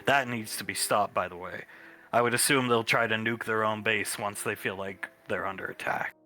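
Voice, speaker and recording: A man's voice: on the low side, fairly even intonation, normal speed, bright, forceful tone, faint music behind. A man playing a blunt, wry military officer briefing his squad in a tabletop game, with an authoritative manner. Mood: considering, blunt.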